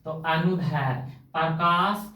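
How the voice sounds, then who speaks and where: A woman's voice: sits low, slow pace, sharp tone. Bihari-accented woman teacher, echoey room. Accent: Magahi-tinged Hindi from Bihar. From Bihar, India. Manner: repetitive call-and-response quizzing; colloquial, homely. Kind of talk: coaching-class science lesson. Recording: echoey room, voice far from mic.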